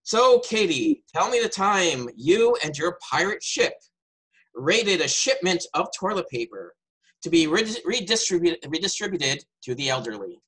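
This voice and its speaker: A man's voice: a little high, very animated, normal speed, a bit bright, slightly rough, poor audio. Man spinning a playful tall tale. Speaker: game host and player. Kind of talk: improvised storytelling game. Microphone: video call.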